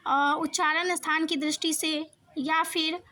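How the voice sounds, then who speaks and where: High, bright-voiced woman teaching Sanskrit grammar. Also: level tone, measured pace. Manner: reads each question, then gives and explains the answer; mixes Hindi explanation with recited Sanskrit. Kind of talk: exam question walkthrough.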